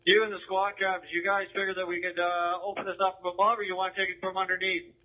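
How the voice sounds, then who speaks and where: A man acting as fire incident commander, giving brisk, clipped orders heard through a two-way radio with static bursts. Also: high-pitched, level tone. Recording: narrow tinny radio scanner feed.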